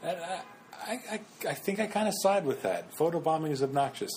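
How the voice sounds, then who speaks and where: Young male co-host, lively pitch, rambling delivery, faint hiss behind. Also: fairly quick. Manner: rambling, hesitant, with frequent fillers. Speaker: podcast co-host. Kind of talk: casual chat.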